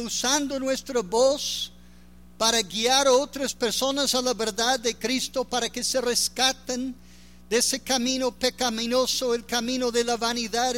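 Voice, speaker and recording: A man delivering a sermon, his voice pitched high and ringing bright. He speaks earnestly and without hurry, stopping often to search for words, then lifts his delivery on the points he wants to stress. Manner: earnest, unhurried, with many pauses and fillers. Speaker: preacher.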